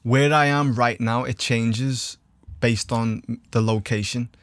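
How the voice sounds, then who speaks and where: Male guest, average pitch, earnest casual explainer, very dry studio sound. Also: fairly even intonation, slow, dry recording. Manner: earnest explainer, often checks "you know what I mean". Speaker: podcast guest. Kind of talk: casual, philosophical chat. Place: podcast studio.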